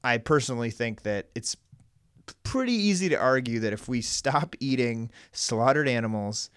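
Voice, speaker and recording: A man co-hosting a podcast in an easy, meandering chat, circling back with "um" and restarted phrases. His voice sits at an ordinary middle pitch, and the sound is close and dry with no room around it. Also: expressive, moderate pace, a bit bright, clear, resonant tone, no echo. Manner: rambling, with many fillers and restarts. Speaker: podcast co-host. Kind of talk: casual chat.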